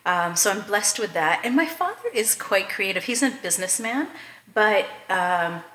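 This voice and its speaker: A woman's voice: mid-range voice, expressive, moderate pace, bright, forceful tone, roomy sound. A Canadian woman, a podcast guest, chatting casually and enthusiastically with frequent fillers and laughs. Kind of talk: casual interview chat.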